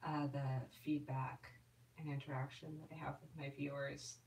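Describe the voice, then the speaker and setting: A woman's voice: low-pitched, little pitch movement, moderate pace, creaky, a little mellow, slight background noise. Roomy chatty woman answering live chat. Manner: chatty, reads and answers comments, frequent laughs and fillers. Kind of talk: casual live-stream chat. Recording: roomy and distant from the mic.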